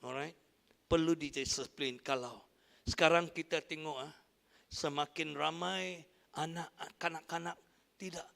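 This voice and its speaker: An older man preaching a sermon as pastor, emphatic and gravelly, punctuating points with hallelujahs. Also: a little high, steady tone, a little slow, pauses often, fairly bright tone. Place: church hall. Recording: long church hall reverb.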